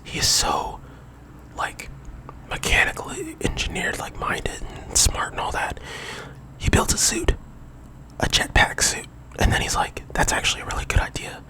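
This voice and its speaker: At a normal speed, a young adult ASMR creator whispers the whole way through a loose, rambling talk full of tangents. The recording is rough.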